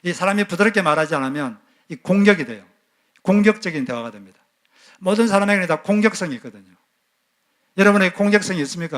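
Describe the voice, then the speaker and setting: A man's voice: fairly high pitch, a bit bright. A man who is a pastor, preaching a sermon, asking the congregation questions and acting out quoted lines. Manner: asks the congregation questions and acts out quoted scolding.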